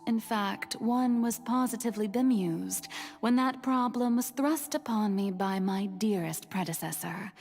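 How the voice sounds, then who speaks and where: A woman's voice: mid-range voice, a little mellow. A woman playing a mature, playful and self-satisfied water goddess in a video game, speaking grandly and savouring ornate words. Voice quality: older-sounding, breathy in places. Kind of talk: video game cutscene voice acting. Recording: long hall reverb under game music.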